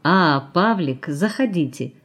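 A woman's voice: sits low, expressive, slow, heavily acted. A woman voicing a cynical, worldly society woman who teases and coaxes, in an audiobook. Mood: mocking. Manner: teasing, mocking, coaxing. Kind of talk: audiobook character reading.

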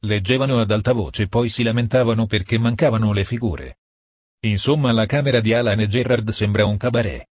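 A man reading a novel aloud as an audiobook in a steady, matter-of-fact way. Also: fairly low pitch, a little fast, slightly rough, no room sound, studio quality. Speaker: audiobook narrator. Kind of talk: scripted audiobook narration.

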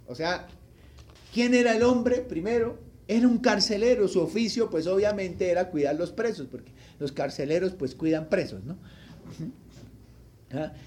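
A male pastor preaching a sermon, telling a Bible story with animated delivery and asking the congregation questions. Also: sits high. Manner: acts out the people in the story.

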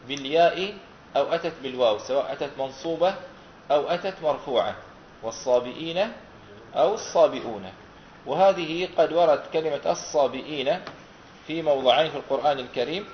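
A man with a mid-range voice teaches Quran recitation, questioning his students and patiently repeating their answers back. The classroom recording is roomy, dull and lo-fi, with a little hiss or hum.

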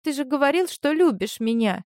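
A woman's voice: high-pitched, expressive, brisk, a little mellow, no room sound, clean studio sound, pitched above the performer's own voice. A woman voicing a desperate young woman who pleads with her former lover. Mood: pleading desperate. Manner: pleading, breathless.

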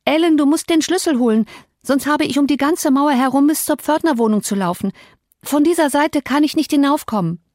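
A woman doing a lively, high-voiced teenage girl. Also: moderate pace, few pauses, no room sound, studio quality, lightly acted. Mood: eager. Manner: high, eager, calling out.

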